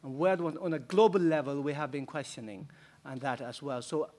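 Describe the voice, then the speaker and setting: A man's voice: on the high side, fairly quick, darkish tone. Earnest man speaking in a conference room. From Tibet. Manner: earnest, with frequent fillers and restarts. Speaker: audience speaker at a seminar. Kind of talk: impassioned panel remarks. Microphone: desk microphone.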